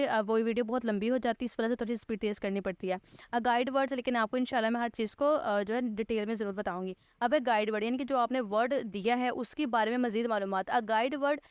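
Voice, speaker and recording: A woman's voice: a little high, clean tone, dry recording. Patient woman teaching a grammar lesson. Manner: reads English text slowly, then explains it step by step; patient, repeats and rephrases points.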